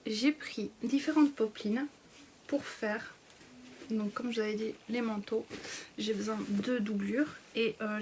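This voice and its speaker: A woman's voice: a little high, slight background noise. A woman in her thirties chatting casually through a sewing haul, hesitant with many fillers and often half-whispering. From France. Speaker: sewing vlogger. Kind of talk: casual fabric haul chat.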